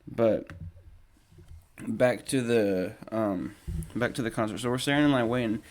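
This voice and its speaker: A man's voice: mid-range voice, a little slow, darkish tone. A young man hosting a podcast, telling a casual story in a rambling way with many ums and restarts while showing photos. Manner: shows photos while talking. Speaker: podcast host.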